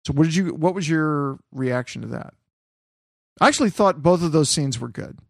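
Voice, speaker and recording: A man's voice: on the high side, lively intonation, normal speed, vocal fry, dry recording, clean studio sound. A man co-hosting a podcast in casual chat, rambling with restarts and swearing. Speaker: podcast co-host.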